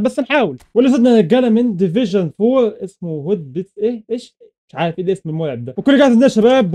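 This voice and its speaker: A young man with an Egyptian Arabic accent giving excited live commentary over his own football video game matches, rattling off repeated exclamations. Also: high voice. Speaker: gaming YouTuber.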